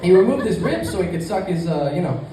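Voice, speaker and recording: A man's voice: high voice, sing-song, fast talker, crowd noise. A young man doing amateur stand-up comedy in front of an audience, with a hesitant, rambling delivery. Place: echoey room in front of a small live audience. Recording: echoey room from far off, clear background noise.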